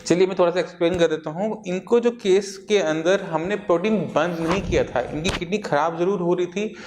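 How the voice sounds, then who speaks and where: A man's voice: high-pitched, a little fast, darkish tone, long reverb tail, a little hiss or hum. A man, a doctor, explaining treatment earnestly to camera and interviewing a patient, with rhetorical questions. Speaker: doctor hosting a health channel.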